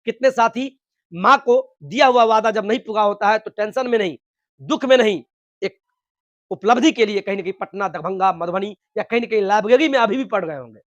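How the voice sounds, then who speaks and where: A man's voice: high-pitched, a little fast, fairly bright tone, no room sound, highs cut off. A man talking to teaching exam candidates, mixing news with earnest, repetitive motivational advice. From Bihar. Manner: earnest, exhorting, repeats phrases for emphasis.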